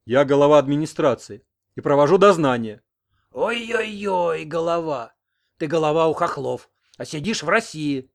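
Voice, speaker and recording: A man's voice: mid-range voice, expressive, a little fast, natural voice. A man voicing a sarcastic, grumbling old village woman who scolds everyone. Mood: scolding.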